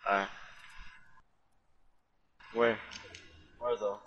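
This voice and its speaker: A man playing an online game with a friend, loud and excitable, teasing and shouting callouts. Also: on the low side, drawn-out words, muffled recording, slight background noise. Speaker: teammate. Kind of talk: casual gameplay chat.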